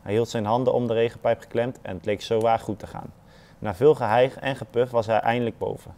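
A man reading a children's story aloud in a calm, unhurried storybook manner, with soft muttered asides. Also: mid-range voice.

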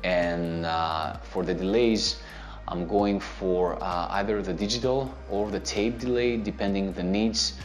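A Greek man in his thirties with a deep, slightly slow voice answers viewers' guitar questions, walking through things step by step in a relaxed way and using lots of fillers. He talks casually to the camera and gestures with his hands in an indoor studio with a plain grey backdrop. Soft music plays quietly beneath his voice.

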